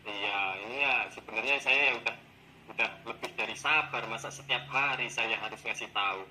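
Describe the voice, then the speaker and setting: A man with a sharp, bright voice takes the part of a teacher in a coaching role-play. He complains in an animated, exasperated way about his pupils. The recording carries a faint background hiss. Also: mid-range voice, brisk, poor audio. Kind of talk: role-played coaching session.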